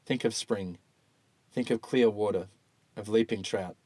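A man voicing a loyal companion with a wry, gentle manner. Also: fairly low pitch, a little slow, dry recording. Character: dry-witted loyal male companion.

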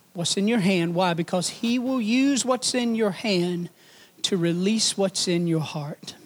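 A man preaching a sermon as pastor, folksy and animated, building emphasis through repetition. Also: high-pitched.

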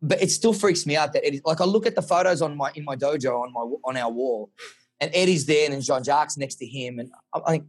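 Excitable Australian man, husky voice. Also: a little high, fast talker. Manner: excitable, swears, animated storytelling. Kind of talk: casual podcast conversation.

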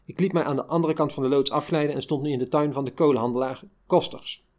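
Man reading a memoir aloud, fairly high. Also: fairly even intonation, quick pace, darkish tone. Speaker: reader of a memoir. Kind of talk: first-person memoir reading.

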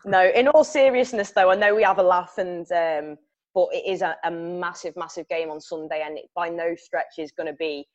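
A woman's voice: on the low side, moderate pace, highs cut off. A woman hosting a club podcast, asking players chatty questions and laughing easily between them. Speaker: podcast host.

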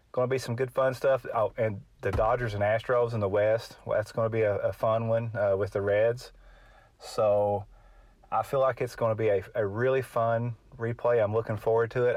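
Male podcast host, middle-aged, Kentucky Appalachian drawl, lowish voice, dry close sound, informal and unpolished delivery. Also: dry recording. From Kentucky, United States. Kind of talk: casual solo podcast chat.

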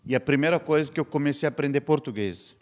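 Speaking fast in a slightly high voice, an Indian missionary shares his story with sincerity as a podcast guest. His Portuguese is simple and a bit broken, and the talk is a personal testimony.

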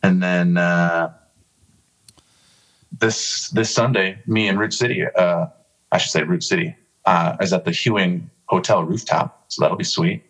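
Low-voiced guy, husky, jokey rambling interview guest. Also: steady tone, unhurried, fairly bright tone. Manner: rambling, joking, many fillers. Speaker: musician guest. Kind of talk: casual interview chat.

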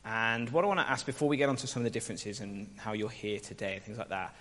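A man's voice: on the low side, fast, fairly bright tone. A man hosting a casual onstage interview in a church, chatty and teasing. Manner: chatty, teasing, laughs easily. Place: church hall. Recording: reverberant church hall.

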